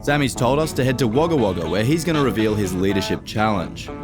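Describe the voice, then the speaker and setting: A man's voice: on the low side, big pitch swings, quick pace, music in the background. A young man giving wry, mock-dramatic scripted narration over a travel vlog. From Australia.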